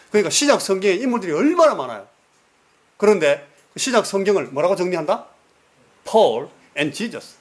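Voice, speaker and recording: A man's voice: fairly high pitch, breathy edge. A man preaching a sermon as pastor, telling stories and putting questions to the congregation, repeating words for emphasis. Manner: storytelling, asks the congregation questions.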